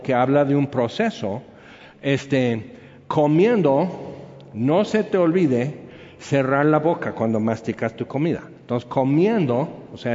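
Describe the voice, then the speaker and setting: A man's voice: fairly high pitch, darkish tone. A man teaching a Bible study class in a conversational way, often checking in with his listeners. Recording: echoey hall, dull sound.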